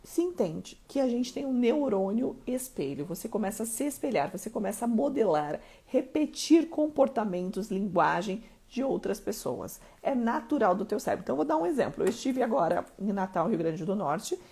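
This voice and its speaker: A woman from Mato Grosso do Sul, Brazil, with a Curitiba Portuguese accent, coaches listeners on a motivational live stream, speaking emphatically and often checking in with them. Her medium-pitched voice is gravelly, mellow and slightly rough, with big pitch swings, a moderate pace and few pauses.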